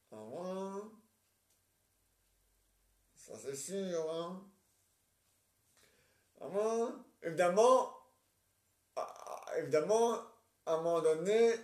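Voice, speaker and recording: A man talking on his own in a casual, rambling monologue, muttering counts under his breath and clearing his throat between fillers. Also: high voice. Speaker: vlogger. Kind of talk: casual solo monologue to camera. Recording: roomy echo.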